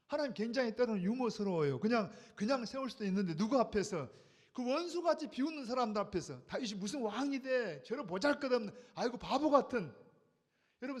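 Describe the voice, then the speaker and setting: A man preaching a sermon in a church sanctuary, pitched high for a male voice. He talks emphatically and keeps throwing questions out to the congregation. His voice carries a long hall reverb. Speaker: senior pastor.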